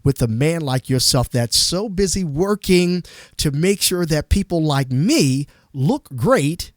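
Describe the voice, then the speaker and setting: A man's voice: on the high side, expressive, slow pace, no echo. Enthusiastic male radio host, dry sound. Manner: enthusiastic, emphatic, repetitive. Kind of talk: gospel radio interview.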